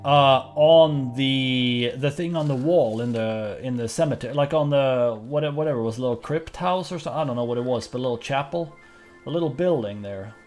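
A man's voice: mid-range voice, a little fast, a little mellow, soft background music. A man casually narrating a video game playthrough, reading dialogue aloud in a playful, chatty way and laughing often. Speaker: gaming YouTuber.

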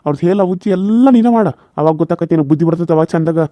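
A man's voice: on the high side, very fast, warm tone, no room sound, close to an everyday voice. [name], a man doing a stern cartoon husband. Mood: reproachful. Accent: North Karnataka Kannada. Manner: lecturing, reproachful. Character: young husband, stern and quick-tempered. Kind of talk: Kannada cartoon serial voice acting.

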